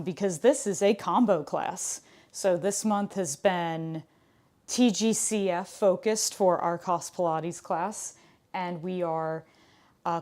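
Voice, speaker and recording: A woman's voice: fairly low pitch, a little mellow. A woman leading a livestreamed Pilates class, chatting casually and upbeat, correcting herself as she goes. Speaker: Pilates instructor. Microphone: livestream camera mic.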